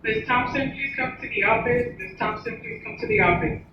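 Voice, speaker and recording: A woman makes polite, measured school office announcements over the intercom loudspeaker and repeats each call. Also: fairly high pitch, soft background music. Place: school hallway or classroom, heard over a ceiling speaker. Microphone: school intercom picked up by a distant camera mic. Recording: echoey distant dull loudspeaker with room noise.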